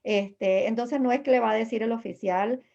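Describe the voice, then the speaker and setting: A woman's voice: a little high, normal speed, creaky, warm tone, lo-fi sound. A woman immigration lawyer giving patient, reassuring explanations as an interview guest, with many fillers and restarts.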